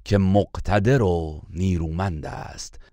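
A man calmly reading a translation of scripture verse by verse. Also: low voice, no echo, studio quality. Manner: calm, even reading between verses. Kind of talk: measured read translation.

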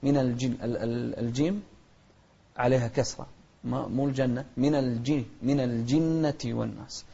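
Mellow man teaching recitation. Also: medium pitch, fairly even intonation, vocal fry, breathy edge. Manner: patient, demonstrates pronunciation with slow chanted examples and quick explanations. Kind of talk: tajweed lesson with recited examples. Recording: dull lo-fi recording.

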